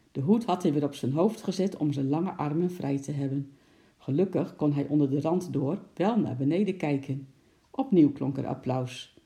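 A man reading a children's storybook aloud in a steady, expressive narration. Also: a little high.

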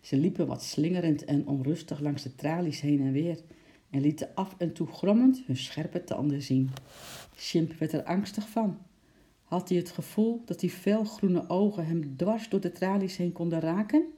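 A narrator reading a children's storybook aloud with a steady, expressive delivery. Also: medium pitch, normal speed.

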